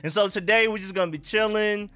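A fast-talking young man with a high-pitched, sharp, clean voice hosts a casual sports livestream in a dry recording. He greets viewers in slangy, informal language, repeating greetings and catchphrases, and a dental retainer slightly gets in the way of his speech.

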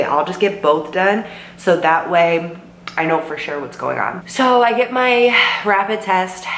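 Worn and sore-throated from being sick, a vlogger in her twenties with a lowish voice rambles through a storytime in her bedroom. She talks casually with plenty of "like" and "um" and quotes herself along the way. The camera is in front at desk distance among bookshelves, and the room sounds roomy with a faint hum.

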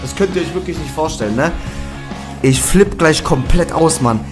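At a moderate pace and in a slightly high voice, a gaming YouTuber in his twenties rants and curses through his let's-play for viewers. Game music sounds loudly behind him as he records in a small room at home using headphones and an arm-mounted studio mic.

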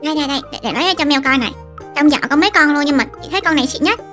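A woman's voice: high voice, rapid-fire, pushed and bright, faint music behind. A woman voicing a meek, hardworking older sister in a game-made fairy tale, polite and whiny when upset. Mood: cheerful.

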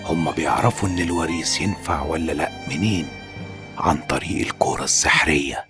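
A man giving calm scripted narration. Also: very deep voice, brisk. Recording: narration over loud music.

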